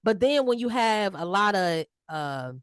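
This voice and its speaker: Woman co-host, animated and slangy, dry close sound. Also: medium pitch, a little slow, smooth, dry recording. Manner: animated, slangy, playful voices for players. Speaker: podcast co-host. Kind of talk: casual sports chat.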